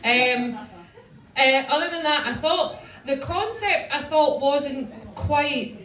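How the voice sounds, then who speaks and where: Scottish woman doing blunt sweary judge critiques, high voice, echoey live room. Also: slow pace, sharp tone. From Scotland. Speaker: judge at a drag competition. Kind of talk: spoken stage critique. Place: roomy live venue with audience.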